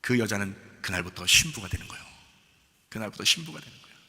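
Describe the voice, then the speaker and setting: Male pastor, dramatic preaching, lively swooping pitch, bright forceful tone, long hall reverb. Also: quick pace. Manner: dramatic preaching, acting out quoted dialogue, swinging from loud to hushed. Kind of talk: sermon. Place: church sanctuary. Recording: long echo of a large hall.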